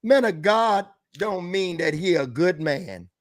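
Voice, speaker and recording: High-voiced preaching man, animated. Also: slow pace. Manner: animated, preachy, breaks into shouts. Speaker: bishop. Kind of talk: preaching relationship talk.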